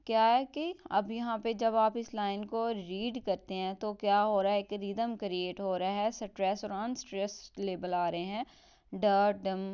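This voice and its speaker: A woman explaining a literature lesson, mixing English terms into her Hindi and reading example lines slowly. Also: medium pitch, darkish tone, smooth, highs cut off. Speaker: teacher.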